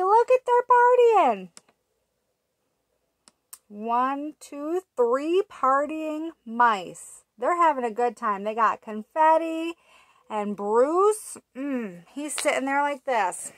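A high, animated, slightly bright female voice, with no echo, belongs to a woman in her thirties sharing a picture book with toddlers. She goes slowly and sing-song, quizzing the little ones, while a webcam at arm's length in a small room records her.

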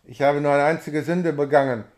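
A croaking, mocking devil taunts his victim, loud and menacing, as a man reading aloud puts him on. The voice sits a little high for a man. It is a figure in a story read aloud from a book. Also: fairly even intonation, fairly quick, close to an everyday voice. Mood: wheedling.

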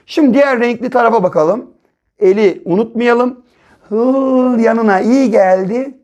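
Giving young children an early reading lesson, a primary school teacher breaks words into slow syllables, says each one repeatedly, and asks frequent check-in questions. The mid-range voice is slightly mellow, and the high frequencies are cut off.

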